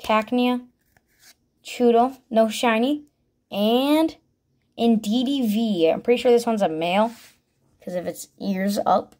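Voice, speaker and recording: A woman's voice: on the high side, slow, long pauses, darkish tone. A woman vlogger giving casual unboxing commentary, calling out each card by name in short bursts and thinking aloud between them. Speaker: vlogger opening trading card packs.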